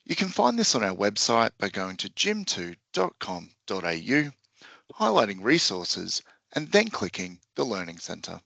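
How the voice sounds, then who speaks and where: A man hosting a software webinar in a friendly, upbeat, scripted way. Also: lowish voice, wildly swooping pitch, unhurried, creaky, no room sound. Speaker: webinar host.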